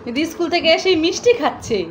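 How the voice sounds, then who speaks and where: A woman's voice: high-pitched, lively intonation, fast, slight background noise. A woman coaxing and playing with a toddler in a home video, in sing-song baby talk. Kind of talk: playful family vlog chat.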